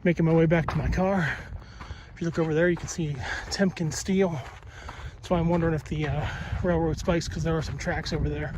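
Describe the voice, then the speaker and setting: A man's voice: a little high, fairly even intonation, a little fast, background noise. A man talking casually to viewers while walking outdoors, laughing often. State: winded, out of breath. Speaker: vlogger. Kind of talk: casual outdoor vlog narration. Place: outdoors by water and trails.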